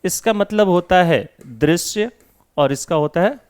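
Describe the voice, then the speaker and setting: Guy teaching english grammar in hindi, smooth clear voice, quizzes himself like a student would. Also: high-pitched, lively intonation, measured pace, darkish tone. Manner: explains in Hindi mixed with English, asks and answers his own questions. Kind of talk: classroom lesson.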